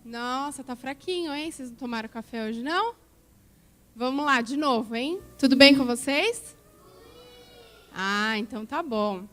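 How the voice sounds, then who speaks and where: A woman tells a Bible story to a group of children at church, her voice sitting a little high. She coaxes the kids with questions as she goes and keeps it simple for young listeners. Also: expressive, unhurried, pauses often, a bit bright. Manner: coaxing, asks children questions.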